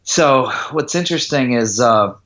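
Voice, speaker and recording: A man's voice: medium pitch, expressive, unhurried, fairly bright tone, a little hiss or hum. Male putting coach, interview guest, explanatory and patient, keeps checking in, mid-range voice, dull lo-fi audio. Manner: explanatory, checks in with "does that make sense". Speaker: golf putting instructor. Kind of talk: interview conversation.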